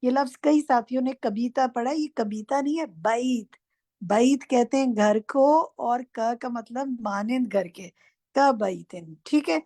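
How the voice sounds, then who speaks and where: A woman with a high, mellow voice teaches an online class, quizzing her students and correcting them firmly and directly. The sound is dry with no echo, picked up by her online class microphone.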